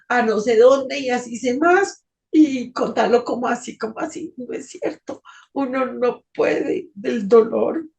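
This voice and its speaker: A woman gives an intense religious testimony, pouring emotion into every line. Her voice sits a little high with a husky, breathy grain. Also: a little mellow. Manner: emotional, intense, tearful at times. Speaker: guest speaker giving a testimony.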